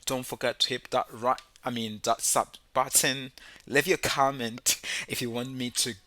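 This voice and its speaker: Guy with non-native english, super bright forceful voice, halting casual rambling, dry close sound. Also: mid-range voice, fairly even intonation, no echo. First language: not English. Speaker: YouTube host and English learner. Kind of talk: casual unscripted recommendation.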